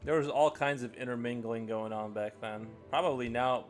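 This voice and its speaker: A man's voice: mid-range voice, normal speed. Chatty man rambling over faint music. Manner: chatty, rambling, thinks aloud with many restarts. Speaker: live-stream artist. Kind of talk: casual live-stream chat.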